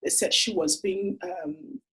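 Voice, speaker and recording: A woman's voice: mid-range voice, steady tone, takes it slowly, a bit bright, breathy edge, rough recording. A woman in her forties, telling personal stories in an earnest, heartfelt appeal to camera. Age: 40s. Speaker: entrepreneur making a funding appeal.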